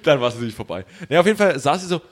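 A young man with a slightly higher voice tells an embarrassing story in a loose, casual podcast chat. He rambles, mocks himself and laughs between lines. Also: big pitch swings, very fast. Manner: rambling, self-mocking storyteller, laughs often. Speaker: podcast co-host telling a story.

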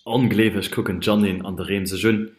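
A man narrating a scripted story in an animated storytelling style. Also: lowish voice, a little fast, echoey room.

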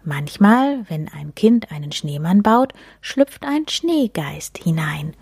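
A friendly snow spirit living in a snowman, as a woman reading a storybook voices him. He speaks softly, with a breathy, husky and unhurried delivery and a mysterious edge. The sound is close and dry. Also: on the low side, very animated, no echo, exaggerated voice. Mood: gentle. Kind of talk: storybook read-aloud.

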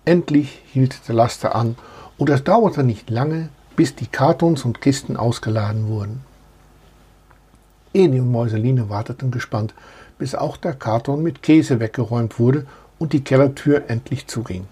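A man reading a children's story aloud in an expressive, animated way. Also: medium pitch, moderate pace, breathy edge.

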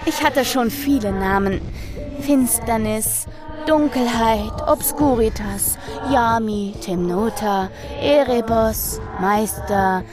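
A woman voicing a sadistic, condescending shadow entity in a horror story reading, speaking slowly and menacingly. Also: on the high side, music in the background. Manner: slow, drawn-out, menacing delivery.

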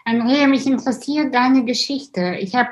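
A woman's voice: a little high, normal speed. A woman from Kazakhstan hosting a casual interview and asking personal questions. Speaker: host.

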